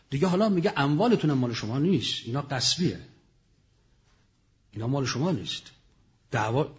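A man's voice: a little high, a little mellow, husky, muffled recording. A man giving a religious lecture, telling history with dramatic storytelling and sudden raised outbursts. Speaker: preacher.

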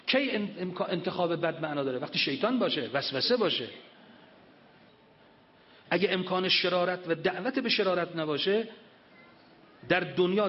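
A man giving a religious lecture, reciting scripture and explaining it in an emphatic manner. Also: on the high side. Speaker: preacher. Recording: dull lo-fi recording.

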